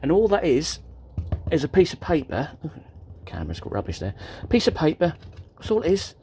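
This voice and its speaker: A man's voice: a little high, huge pitch swings, normal speed, dark tone, husky. A man vlogging about his model railway layout in a chatty, rambling way, often stopping and restarting his sentences, recorded on a tripod camera indoors. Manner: rambling, chatty, self-interrupting. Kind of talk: casual show-and-tell vlog.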